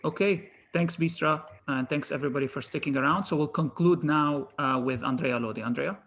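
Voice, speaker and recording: A man moderating a question session on a video call, asking questions briskly and courteously. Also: fairly high pitch, a bit bright.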